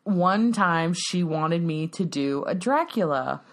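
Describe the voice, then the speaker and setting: A woman's voice: fairly low pitch, lively intonation, takes it slowly. A woman in her thirties co-hosting a podcast in casual chat, laughing often and slipping into playful voices. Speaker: podcast co-host.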